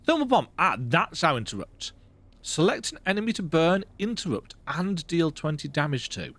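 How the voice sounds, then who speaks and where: A man's voice: on the high side, lively intonation, moderate pace, a bit bright. A man giving casual let's-play commentary, thinking aloud as he plays. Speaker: gamer.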